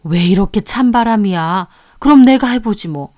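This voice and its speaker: A woman's voice: mid-range voice, expressive, moderate pace, a little mellow, lightly acted. A woman voicing a bossy, impatient older mother-in-law who scolds and questions her family. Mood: scolding.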